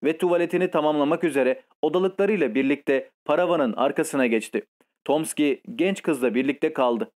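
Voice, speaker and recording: A man reads a classic novella aloud in a steady, literary way. His voice sits a little above the usual male range, and his delivery stays even and unhurried. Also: on the high side. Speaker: audiobook narrator. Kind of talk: scripted narration.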